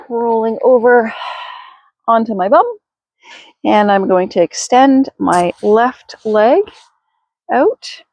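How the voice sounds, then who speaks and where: A woman yoga instructor leading a slow, gentle class in a careful, unhurried way. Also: mid-range voice, no echo.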